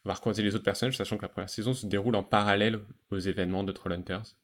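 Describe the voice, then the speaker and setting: A man hosting a relaxed podcast conversation, talking enthusiastically about animated series with frequent fillers and restarts. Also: lowish voice, very fast. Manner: enthusiastic, hesitant with many fillers. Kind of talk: casual chat.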